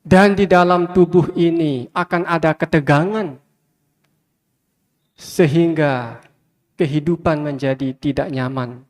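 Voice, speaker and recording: Slow and full of long pauses, this Buddhist monk's sermon comes in a voice on the high side. He repeats phrases with emphasis and talks directly to his listeners, in a large hall with many fans and a long reverb.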